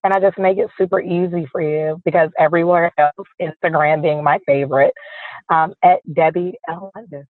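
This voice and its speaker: A woman from the southern United States with a hoarse, raspy voice, speaking conversationally as a podcast guest. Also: on the low side, fairly even intonation, brisk, dry recording. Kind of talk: conversational interview. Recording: thin phone-like line.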